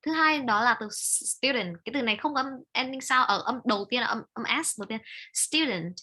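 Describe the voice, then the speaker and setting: A woman with a Vietnamese accent teaching an online English speaking lesson, correcting pronunciation in a brisk, corrective manner. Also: on the high side, pushed and bright, poor audio.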